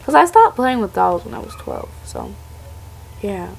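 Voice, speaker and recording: A woman's voice: mid-range voice, wildly swooping pitch, unhurried, gravelly, slight background noise, rough recording. A young woman in her late teens with a stuffy, congested voice from a cold, ranting to camera in a rambling, exasperated way. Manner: rambling, filler-heavy, exasperated. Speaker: vlogger.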